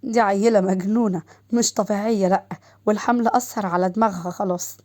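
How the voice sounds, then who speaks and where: A woman's voice: medium pitch, fairly even intonation, quick pace, a little mellow, close to an everyday voice. A woman with an Egyptian accent voicing a recovering husband who teases his wife in an easygoing way. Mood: teasing.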